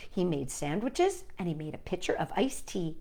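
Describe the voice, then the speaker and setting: A woman with a fairly low, creaky, dark voice uses big pitch swings at a moderate pace. Hosting a storytime, she reads children's stories and poems expressively and talks directly to young listeners.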